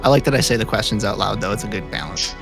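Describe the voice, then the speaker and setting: Male player, playful and loose, music clearly behind. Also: fairly low pitch, expressive, very fast, fairly bright tone. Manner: playful, laughs often. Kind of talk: casual tabletop game play.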